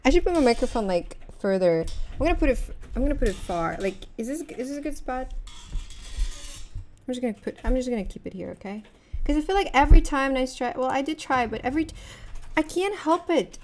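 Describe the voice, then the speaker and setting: A young woman streaming a game, chatting casually and yelling out when she's startled. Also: sits high, expressive, fast, a little hiss or hum. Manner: jumpy, yells suddenly, chatty. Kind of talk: casual gaming chat.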